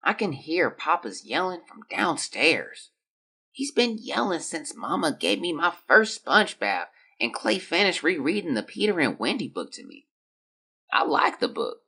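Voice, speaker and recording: In an audio drama, an actor plays a sick young child reading a diary aloud. The exaggerated voice is husky yet bright and swings widely in pitch, while the delivery comes across plaintive, hesitant and frightened.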